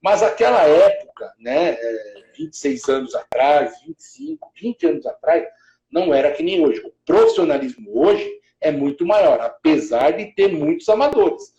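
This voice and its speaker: A man's voice: a little high, sing-song, moderate pace, warm tone, echoey room, lo-fi sound. A middle-aged man, a building manager, telling his career story in a casual interview, rambling with many restarts. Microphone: video call.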